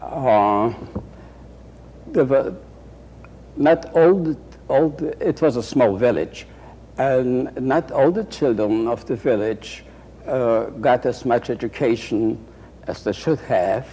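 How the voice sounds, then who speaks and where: Recorded on roomy archival tape with a faint hiss, this oral-history interviewee is an older man from Poland whose first language is Yiddish. He reminisces slowly, halting often with pauses and restarts, in a mid-range voice that is warm with a breathy edge.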